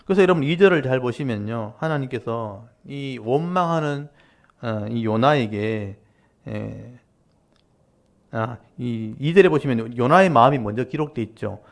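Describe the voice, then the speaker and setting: A man, a pastor, preaching a sermon and explaining scripture to his congregation in a direct, conversational way, with lively rises and falls for emphasis. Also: medium pitch, a little slow, gravelly. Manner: animated preaching with rising and falling emphasis. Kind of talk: Korean Wednesday-service sermon.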